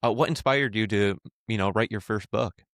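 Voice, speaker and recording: A man's voice: on the low side, moderate pace, a bit bright, dry recording, studio quality. A man hosting a podcast, friendly as he asks scripted interview questions. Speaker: podcast host.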